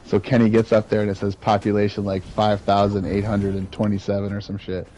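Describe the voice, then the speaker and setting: Laid-back low-voiced guy telling stories. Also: completely flat delivery, normal speed, a little mellow, slight background noise. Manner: laid-back, profane storyteller. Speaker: gamer. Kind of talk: casual chat while gaming.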